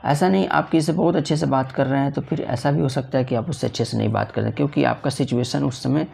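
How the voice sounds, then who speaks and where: A man teaching an exam-prep lesson. He reads the English lines slowly, then explains them, often asking a question and answering it himself. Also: mid-range voice, creaky, darkish tone, husky. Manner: repetitive, asks and answers his own questions.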